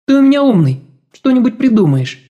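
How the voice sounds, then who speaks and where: A male narrator voicing a teasing, sharp-tongued young woman in an audiobook, firing off pointed, reproachful questions. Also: extremely high pitch, very animated, a little fast, dull audio, pitched above the performer's own voice, heavily acted. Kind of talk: audiobook character voice.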